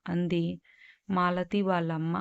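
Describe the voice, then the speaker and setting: A woman storyteller reads a moral story aloud and speaks to her listeners politely. Her voice is low and a little gravelly, yet smooth. The recording is dull and lo-fi. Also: flat delivery, measured pace, dry recording. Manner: polite, respectful address to listeners.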